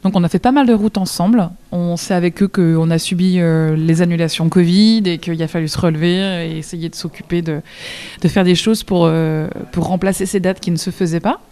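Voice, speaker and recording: A woman musician interviewed on the radio talks briskly in a lowish, mellow voice with fairly even intonation. She's chatty and enthusiastic, restarting often and laughing easily.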